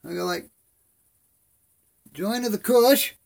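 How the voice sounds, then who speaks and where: A man hosts a casual live stream, rambling in a friendly way and calling his viewers buddy. His speech is toothless and slightly slurred, his lips folding over his gums. The voice is high-pitched and gravelly, and he takes things slowly.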